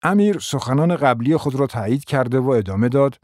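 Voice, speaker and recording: A man reading a novel aloud as an audiobook narrator, in a measured storytelling manner. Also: mid-range voice, lively intonation, a little mellow, dry recording, clean studio sound.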